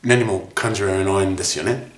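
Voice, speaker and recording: A man teaching English pronunciation in a casual video lesson, demonstrating sounds slowly with lots of fillers. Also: deep voice. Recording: echoey room.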